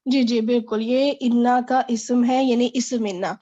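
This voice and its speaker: A woman's voice: fairly high pitch, steady tone, dark tone, muffled recording. A woman teaching an online Arabic grammar lesson, quizzing a student and explaining patiently.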